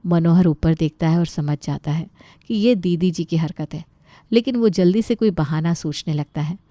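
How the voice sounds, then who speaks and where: A woman narrates an animated children's story in an even, scripted delivery. Her voice sits at a middle pitch and sounds dry and close to the mic. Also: normal speed, no echo.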